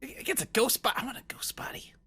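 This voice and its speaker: A man voicing a weary, grumpy captive skeleton who wants to die, speaking in a gravelly, strained rasp with curt, sardonic groans in a tabletop game. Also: very high-pitched, brisk, bright, forceful tone, in a whisper, pitched above the performer's own voice, full character voice. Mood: grumpy, fed up. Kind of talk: tabletop role-play character voice.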